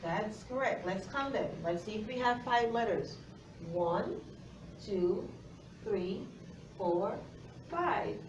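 Taking it slowly with long pauses, a middle-aged woman with a mid-range voice and lively intonation teaches phonics to young children, encouraging them directly. The far-off classroom camera gives a roomy, distant sound with slight noise.

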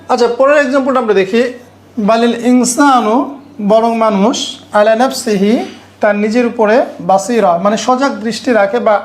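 A woman teaching an Arabic grammar class, reciting verses slowly and explaining them step by step while quizzing her students. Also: medium pitch. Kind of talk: online class lecture.

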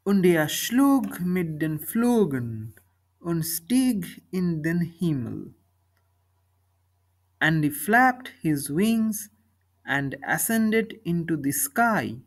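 A woman reading a children's story slowly, speaking each line and then its translation. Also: lowish voice, sing-song. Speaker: narrator of a bilingual story. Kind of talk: slow storybook reading in German and English.

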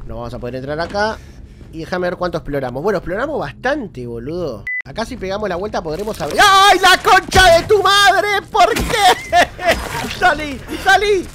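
A man's voice: medium pitch, background noise. A young man with an Argentine accent and a bad cold, commenting on a horror game and swearing a lot, with sudden screams at every scare. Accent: Argentine Spanish. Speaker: gameplay streamer.

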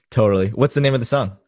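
A man from Boston hosting a podcast, talking in a relaxed, laid-back way. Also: medium pitch, breathy edge, no room sound, studio quality. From Boston, Massachusetts. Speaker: podcast host. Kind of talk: casual podcast conversation.

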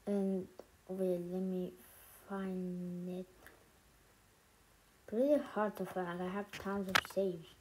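A woman drawls slowly through a casual game showcase, speaking around something in her mouth. She rambles, hesitates and lets her sentences trail off. There is steady noise and clicking behind her voice in the recording. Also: on the low side, rough recording. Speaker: gaming channel host.

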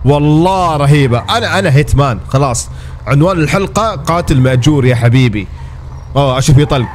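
A man's voice: on the high side, lively intonation, quick pace, a little hiss or hum. A man giving casual, exclamatory commentary as he plays a game and talks to his viewers. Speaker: gaming streamer.

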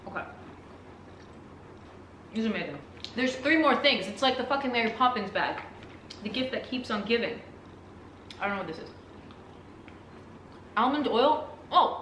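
Excitable, sweary woman unboxing gifts. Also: medium pitch, echoey room, far from the mic, slight background noise. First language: not English. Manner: excitable, swears a lot, reads labels aloud. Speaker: vlogger reviewing products. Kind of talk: casual unboxing chat.

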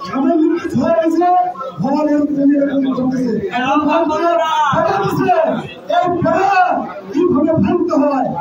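Older male party speaker, shrill and fiery, repeating slogans; distant handheld mic, boomy room, crowd murmur. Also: steady tone, measured pace. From Bangladesh. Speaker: political speaker. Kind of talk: shouted rally speech. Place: crowded indoor party office. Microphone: handheld mic, filmed from far. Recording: echoey hall, far off, dull, crowd.

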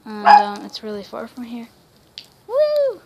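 A female voice narrating a toy role-play vlog, excitable and given to squealing cheers. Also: fairly high pitch, unhurried, very noisy. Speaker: toy video maker.

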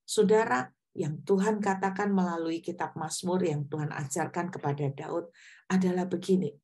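A woman pastor delivering a sermon, telling a personal story with lively acted-out quotes. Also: lowish voice, normal speed. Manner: animated storytelling, acting out quoted voices.

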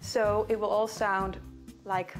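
A young violinist and video host from the Netherlands talks to camera with a Dutch accent, casually answering questions from a small living room with bookcases behind her. Her medium-pitched voice moves little in pitch and goes at a slow pace, with faint music in the background.

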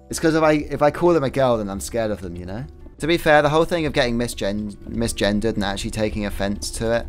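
Young brit guy streaming, chatty and rambly, swears a lot, laughs a lot, bit of music behind. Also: mid-range voice. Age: young adult. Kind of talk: casual gaming stream chat.

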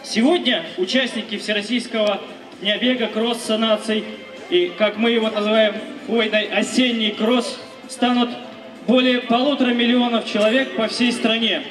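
Guy announcer reading formally off notes, high voice, music playing behind. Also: steady tone, moderate pace. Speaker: event announcer. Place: outdoors on building steps, over a loudspeaker. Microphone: handheld microphone. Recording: echoey distant outdoor PA with music.

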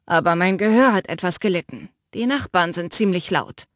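A man's voice: high voice, expressive, normal speed, fairly bright tone, no room sound, studio quality, pitched below the performer's own voice. A woman voicing a cocky, grinning young man who teases and declaims theatrically in an audiobook. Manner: teasing, theatrical, flippant.

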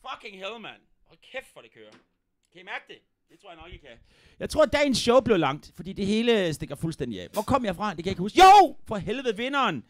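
A man's voice: high-pitched, sing-song, fairly bright tone, no echo. A man with a Jutlandic accent hosting a livestream concert, chatting in a rambling, playful way and swearing freely. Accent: Jutlandic Danish. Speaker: livestream concert host and musician. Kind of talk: joking livestream banter between songs.

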